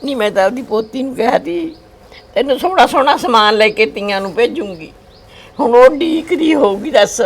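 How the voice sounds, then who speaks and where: A woman's voice: on the high side, animated, brisk, a little hiss or hum. An older woman with an Indian Punjabi accent plays a worried grandmother in a village family drama, talking in an anxious, pleading way. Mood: fretful. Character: worried old grandmother, fretting over her granddaughter. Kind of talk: village web drama acting.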